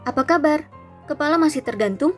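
A woman's voice: high-pitched, lively intonation, fairly quick, soft background music, voice pushed up. A woman voicing a boisterous headless ghost huntsman who roars and jokes in a storybook reading. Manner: roaring, hearty, mocking.

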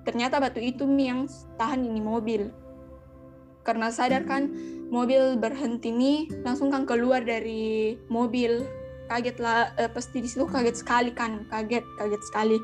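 Young woman, slightly high voice, telling her faith testimony casually, repeats stuff, guitar music behind. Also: steady tone, moderate pace. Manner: conversational, repeats words for emphasis, peppers talk with local particles. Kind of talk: personal faith testimony storytelling. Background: soft guitar music.

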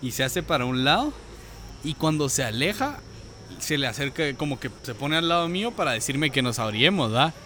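A man's voice: medium pitch, moderate pace, a little hiss or hum. A young man with a Guatemalan Spanish accent telling a story in casual chat, quoting people with laughs. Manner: relaxed, quotes others with laughs.

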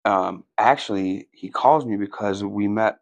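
A man's voice: on the low side, measured pace, vocal fry, dry recording. A man hosting a podcast interview who prompts his guest eagerly and often finishes his sentences. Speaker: podcast host. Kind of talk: casual interview chat.

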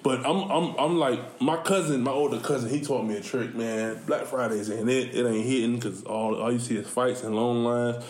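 A man's voice: mid-range voice, fairly even intonation, moderate pace, hardly any pauses, darkish tone. A man co-hosting a casual podcast, telling stories animatedly with lots of laughter and repeated words. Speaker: podcast co-host and school coach. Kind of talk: casual chat. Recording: echoey room.

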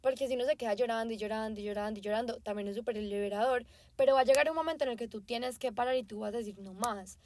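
A woman's voice: on the high side, very fast, few pauses, darkish tone. A woman co-hosting a podcast in a casual, chatty way, full of fillers and speaking straight to her listeners. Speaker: podcast co-host.

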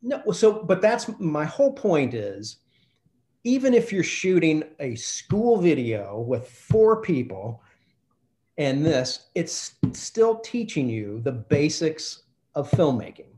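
A man's voice: a little high, big pitch swings, slow, warm tone. A man, a film director, telling a behind-the-scenes anecdote in an interview and acting out the quoted exchanges. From Kentucky. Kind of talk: storytelling interview chat. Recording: roomy echo.

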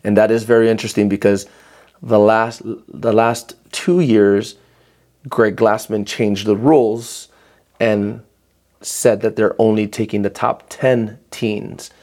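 A man's voice: lowish voice, flat delivery, takes it slowly, darkish tone. A man hosting a casual podcast, talking in a rambling way with many restarts and fillers. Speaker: podcast host and gym owner.

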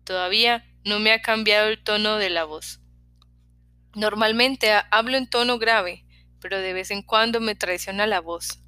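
A woman narrating a novel in the first person with a calm, measured reading. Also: mid-range voice, smooth, no room sound. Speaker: audiobook reader.

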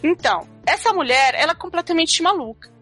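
A Brazilian woman hosts a casual chat with a high, bright voice. She talks animatedly and swears freely. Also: a little fast, soft background music. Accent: Brazilian Portuguese. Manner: animated, profane storytelling. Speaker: podcast host.

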